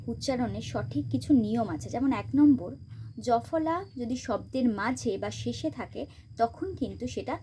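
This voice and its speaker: A woman hosting her own channel, teaching a spoken grammar lesson, explaining step by step and slowly repeating example words. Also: a little high, mellow, a little hiss or hum.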